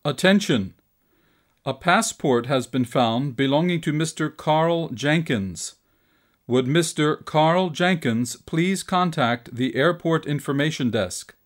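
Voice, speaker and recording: Male announcer, slightly high voice, slow and formal, reads airport notices. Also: lively intonation. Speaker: announcer in a listening exercise.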